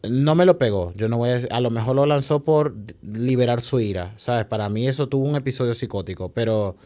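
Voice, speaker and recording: A man's voice: medium pitch, a little fast, a little mellow. A young man from Venezuela with a Venezuelan Spanish accent, a podcast guest telling a personal story emotionally, with many restarts and asides.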